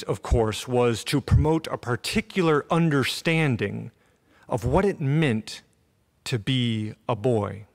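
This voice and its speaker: A man in his thirties, a pastor delivering a sermon in an empty church sanctuary at a gooseneck podium mic, earnest and measured with deliberate pauses. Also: medium pitch.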